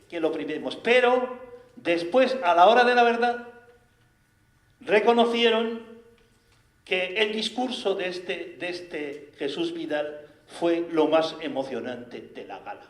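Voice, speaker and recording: A man with a Spanish accent preaching a sermon, animated and full of rhetorical questions. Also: fairly high pitch. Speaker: priest. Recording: echoey room.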